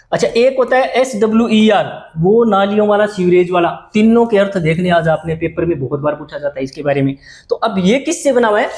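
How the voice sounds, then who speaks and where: High-sitting, slightly mellow and reverberant, this man's voice carries an exam-prep vocabulary class for English. He teaches in Hindi with English terms sprinkled in, repeats words frequently, and keeps asking "okay?"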